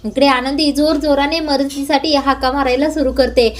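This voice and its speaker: A woman narrating a serial episode recap in a casual, steady storytelling manner. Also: sits high, normal speed. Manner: plain, steady retelling.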